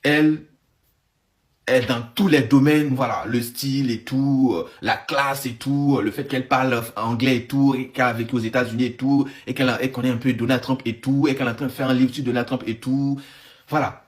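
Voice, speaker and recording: A man giving casual spoken commentary, animated and stammering, often repeating himself. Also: mid-range voice, a little fast. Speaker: online commentator.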